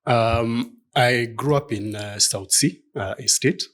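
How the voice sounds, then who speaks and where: A man's voice: medium pitch, slow. A middle-aged man from Kenya, a law firm partner answering interview questions in a thoughtful, hesitant way with many fillers. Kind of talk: conversational interview.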